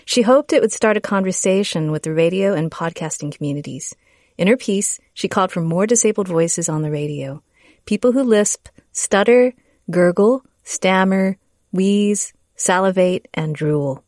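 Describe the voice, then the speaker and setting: A woman reading scripted narration in the measured manner of a public radio host. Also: medium pitch, lively intonation, darkish tone, no room sound, clean studio sound.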